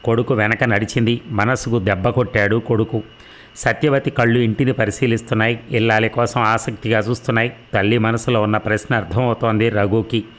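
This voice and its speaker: A man narrating a novel in a steady, measured storybook reading. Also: fairly low pitch.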